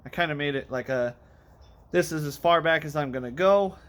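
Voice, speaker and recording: A man's voice: on the high side, brisk, smooth. A man giving a casual, rambling walkthrough of his car audio build, out of breath and correcting himself as he goes. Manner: rambling, self-correcting, many fillers. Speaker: car audio hobbyist vlogger. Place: garage, in a car.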